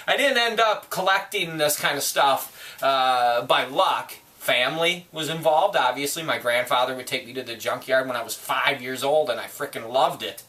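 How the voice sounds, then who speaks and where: An excitable man in his forties rambles through a motivational monologue, cursing freely and breaking into shouts. His voice is bright and forceful and sits fairly high for a man. He sounds a little away from the mic. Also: recorded from a distance. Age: 40s. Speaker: collector vlogger. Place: indoor collection room.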